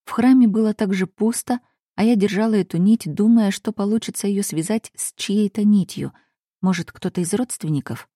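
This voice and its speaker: A woman's voice: mid-range voice, normal speed, warm tone, no echo, clean studio sound. Woman narrating a dramatic fantasy audiobook. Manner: tense, dramatic storytelling. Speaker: audiobook reader. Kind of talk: first-person audiobook narration.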